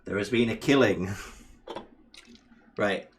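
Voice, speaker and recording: A man's voice: lowish voice, takes it slowly, a little hiss or hum. A man streaming a truck driving game, chatting casually and teasing his co-player, sometimes breaking into silly sing-song noises. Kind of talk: casual gameplay chat with a co-player.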